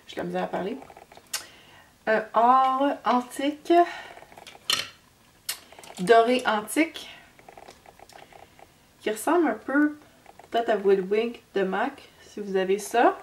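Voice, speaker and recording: A woman's voice: fairly high pitch, a little slow, pauses often, a little mellow. A woman with a Québécois French accent and a head cold, talking through a makeup tutorial in a chatty, hesitant way full of fillers and slips. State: has a cold. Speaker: beauty vlogger. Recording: distant mic with faint noise.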